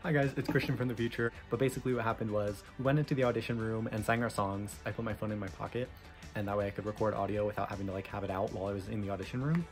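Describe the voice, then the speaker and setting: Talking very fast over music, a man with a fairly low, fairly even voice shares his audition story vlog-style. He's casual and chatty, and "like" keeps slipping into his sentences.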